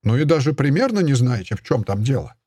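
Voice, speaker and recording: A man playing a gloomy male newspaper editor who asks clipped, quick questions. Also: mid-range voice, sing-song, dark tone, husky, no room sound.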